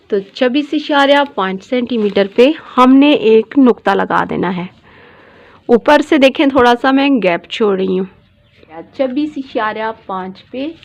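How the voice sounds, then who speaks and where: A woman's voice: on the high side, fairly bright tone. A woman, a dress designer teaching pattern drafting step by step, patiently repeating every measurement. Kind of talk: step-by-step sewing tutorial.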